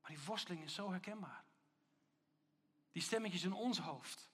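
A man's voice: high-pitched, normal speed, fairly bright tone, slightly rough. A man preaching a sermon, emphatic and full of rhetorical questions.

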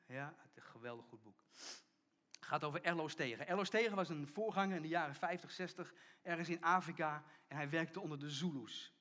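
A middle-aged man preaching a sermon as pastor, telling a story and acting out the people in it, often dropping to a hushed tone for emphasis. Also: a little high, brisk. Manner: storytelling preacher, acts out quoted voices, drops to hushed emphasis.

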